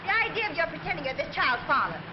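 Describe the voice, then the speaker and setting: An actress playing a feisty, sharp-tongued single young woman in an old film. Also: sits high, very animated, rapid-fire. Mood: indignant. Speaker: stenographer. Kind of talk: 1940s film acting. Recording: dull old film soundtrack with hiss.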